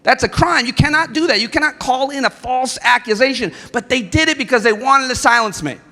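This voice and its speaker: Impassioned high-voiced man rallying a hall. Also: brisk, pushed and bright. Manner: impassioned, repetitive rallying cadence. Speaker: guest speaker. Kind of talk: rally speech at convention. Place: large convention hall. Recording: echoey convention hall with crowd.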